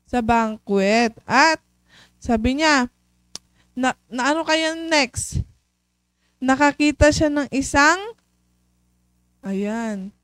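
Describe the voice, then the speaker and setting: A woman leading a children's devotion, telling a Bible story slowly with many fillers and questions to the children. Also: sits high, lively intonation, a bit bright, clear, resonant tone, dry recording. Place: church.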